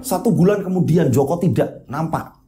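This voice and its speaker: A man's voice: a little high, lively intonation, moderate pace, mellow, faint music behind. A man telling a horror story in a chatty, casual way, often tagging sentences with ya kan. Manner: chatty, repeats tags like ya kan.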